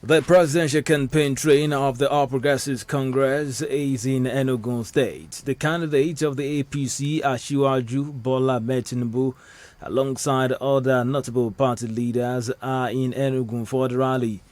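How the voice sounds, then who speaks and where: A man with a Nigerian accent reading the radio news as anchor, formal and measured. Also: medium pitch, fairly even intonation, darkish tone.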